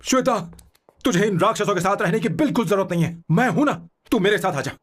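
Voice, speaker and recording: A man's voice: high-pitched, animated, a little fast, husky. An actor playing a lovestruck young man who stands up to his family, dubbing a film with emotional, pleading delivery. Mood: indignant. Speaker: film hero. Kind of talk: Hindi film dub.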